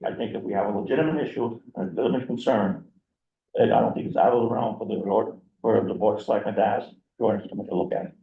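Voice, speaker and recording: A man's voice: on the low side, vocal fry. A man on a town board arguing bluntly and with strong opinions during a meeting discussion. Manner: blunt, opinionated, argues in quick bursts. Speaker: board of selectmen member. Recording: roomy, distant, dull hall recording.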